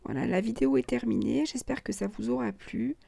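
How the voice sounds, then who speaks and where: Hoarse, husky-voiced woman narrating a recipe. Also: mid-range voice, brisk, no room sound. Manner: calm step-by-step instructions. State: hoarse, lost voice. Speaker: cooking channel host.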